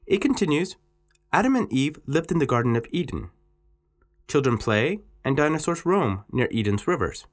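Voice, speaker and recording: Guy reading an english exam passage, voice swoops up and down a lot. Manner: lively, expressive reading with pitch swings on quotes. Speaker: exam text reader. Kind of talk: reading an exam text aloud.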